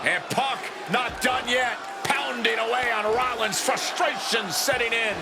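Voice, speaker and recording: A man's voice: extremely high pitch, unhurried, heavy background noise. A man calling wrestling play-by-play as a commentator, in punchy, dramatic short calls. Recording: music and loud crowd behind. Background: loud music, arena crowd.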